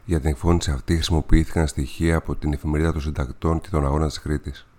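A man with a Greek accent reading a local news bulletin on community radio in a steady, plain way. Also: rumbling low.

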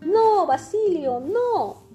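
A woman voicing a vain, beauty-obsessed young man who pleads and breaks into high, anxious outbursts in a storybook reading. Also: lively intonation, unhurried, darkish tone, soft background music. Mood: passionate.

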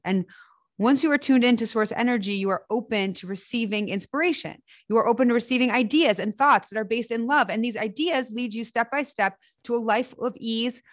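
A woman hosting a spiritual talk, speaking in measured, deliberate, emphatic phrases in an inspirational style. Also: on the high side, no room sound, studio quality. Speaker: host of a spiritual group discussion show. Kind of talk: spiritual inspirational monologue and group chat.

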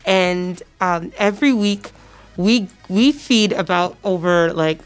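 A woman's voice: lowish voice, slow pace, faint music behind. A woman speaking as an interview guest, a community volunteer explaining things earnestly in a conversational way.

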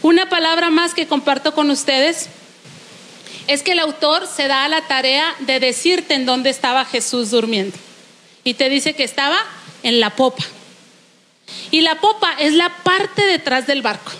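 A woman pastor, giving an animated sermon that acts out the voices in her stories. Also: high-pitched, a little slow, a little hiss or hum.

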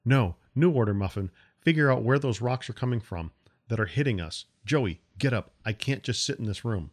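A man voicing a determined young woman who leads a ship's crew, giving brisk orders. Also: medium pitch, expressive, natural voice. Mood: firm.

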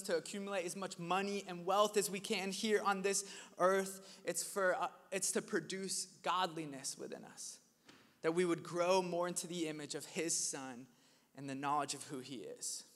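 A young man delivers a sermon in a relaxed, storytelling manner. His voice sits high and sounds bright and forceful. The long reverb of a church hall trails after each phrase. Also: moderate pace. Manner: conversational, animated storytelling preacher. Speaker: pastor. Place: church hall with live audience.

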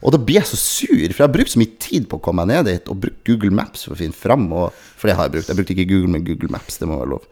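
A man's voice: low voice, few pauses. A man co-hosting a casual podcast, telling a rambling anecdote full of fillers and restarts and acting out the other people in it. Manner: animated storyteller who acts out other people's voices. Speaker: podcast co-host.

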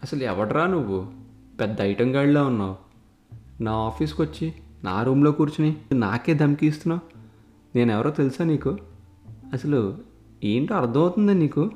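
A man voicing a blustering, hot-tempered older politician in a spoken story, loud and threatening, recorded in an echoey room with faint guitar music. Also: mid-range voice, fast talker, natural voice. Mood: angry.

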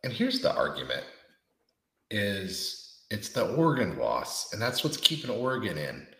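A man's voice: on the low side, huge pitch swings, a bit bright, recorded from a distance. A man co-hosting a podcast, steering the casual sports chat and prompting the others. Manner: steers the talk, quick to agree and prompt. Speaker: podcast co-host. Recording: roomy sound.

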